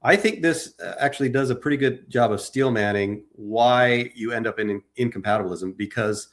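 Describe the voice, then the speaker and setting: A man's voice: medium pitch, a little fast. A man talking as a podcast guest in casual discussion, explaining his ideas in a hesitant way with many stammered restarts.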